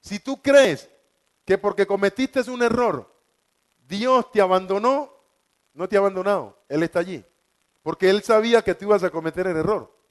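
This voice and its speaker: A man's voice: high-pitched, moderate pace, long pauses. A man giving a fervent evangelical testimony, repeating key words for emphasis. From Colombia.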